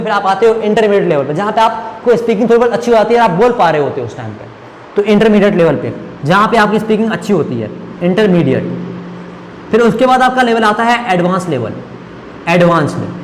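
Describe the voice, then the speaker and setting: A man's voice: high voice, roomy sound, long reverb tail, a little hiss or hum. A man whose first language is Hindi, teaching spoken English and explaining step by step, often checking that students follow. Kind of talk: classroom lecture.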